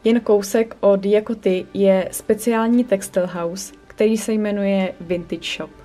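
Young woman doing a chatty vlog voiceover, mellow warm voice, soft music under it. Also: medium pitch, fairly even intonation. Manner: upbeat, chatty, enthusiastic reviewing. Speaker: vlogger and online secondhand shop owner. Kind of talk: scripted vlog voice-over. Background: faint background music.

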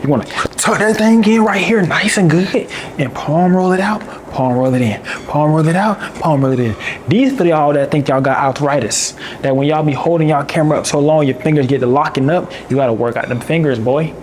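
A man's voice: on the high side, fairly quick. A young man hosts a casual workout vlog, hyping viewers up with slang and counting out reps in a gym. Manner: hyped, slangy, coaching with rep counts. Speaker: photography vlogger and host. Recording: noisy gym ambience.

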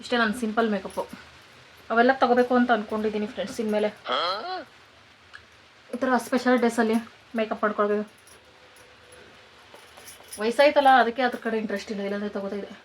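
A woman's voice: on the high side, steady tone, fairly quick, pauses often, a little hiss or hum. A woman of about twenty-eight with a rural Kannada accent, chatting casually and jokingly to viewers in a village home vlog. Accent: rural Kannada, Kanakapura area. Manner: joking, addresses viewers as friends, coos at pets. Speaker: vlogger. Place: village home, indoors and outdoors.

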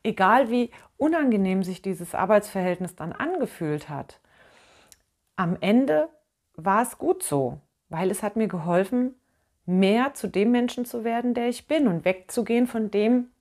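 A woman's voice: mid-range voice, a little slow. Candid chatty woman talking to camera. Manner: candid and animated, acts out quoted voices, laughs often, blunt slang. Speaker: inspirational vlogger. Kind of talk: casual spoken monologue.

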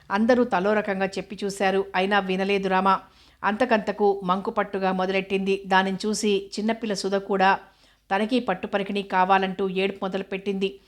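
A woman narrating a story in a steady, unhurried reading. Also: medium pitch.

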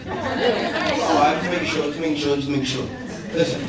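A man's voice: fairly high pitch, flat delivery, fairly quick. A young man, the groom, thanking his guests in a loose, slangy, laughing speech. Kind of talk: casual wedding reception speech. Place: wedding reception hall. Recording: echoey hall, distant mic, crowd behind.

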